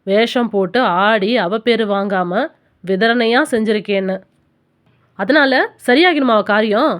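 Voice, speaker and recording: A woman's voice: medium pitch, normal speed, close to an everyday voice. A woman doing an angry, scolding middle-aged son. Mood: shouting, furious. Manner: loud, sharp, scolding. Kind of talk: audiobook character voice.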